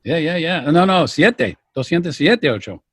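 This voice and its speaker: Slow American man speaking halting Spanish. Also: fairly high pitch, expressive, a bit bright, breathy edge, dry recording, clean studio sound. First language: English. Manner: halting, hesitant Spanish with English slips. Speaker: guest. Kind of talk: casual greeting in halting American-accented Spanish mixed with English. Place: remote video call. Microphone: video call.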